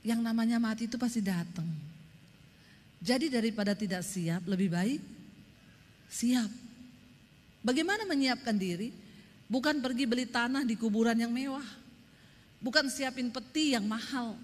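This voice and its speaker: A woman's voice: on the high side, normal speed, pauses often. Emphatic woman preaching in a hall. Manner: emphatic, lively storytelling with acted quotes. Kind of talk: sermon. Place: church hall. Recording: long reverb of a church hall.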